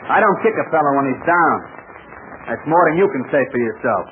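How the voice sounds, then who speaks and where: A man's voice: fairly high pitch, expressive, a little fast, lightly acted. Man playing a cocky tough-guy crook, tinny old radio. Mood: fed up. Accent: American. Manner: slangy, boastful, bullying wise guy. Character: tough, cocky American male crook, slangy and bossy. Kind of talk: 1940s radio acting. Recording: noisy, tinny 1940s radio recording.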